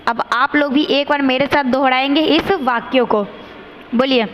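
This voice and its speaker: A woman teacher giving a grammar lesson to children, saying each sound slowly and carefully, stressing the difference between letters. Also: sits high, fairly even intonation, dull audio, a little hiss or hum.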